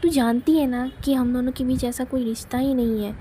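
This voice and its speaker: A jittery young woman, put on by a woman narrator who pleads in a rush, high-pitched and soft-toned. She frets aloud in a told love story. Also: steady tone, a little fast, slight background noise, natural voice. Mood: flustered. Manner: frantic, pleading. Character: flustered anxious young woman, Samira.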